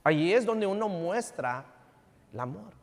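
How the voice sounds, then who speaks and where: A high-pitched, animated pastor in his thirties delivers a sermon at a measured pace, recounting family stories and moving between Spanish and English. Recorded in a church sanctuary, his voice carries a long hall reverb.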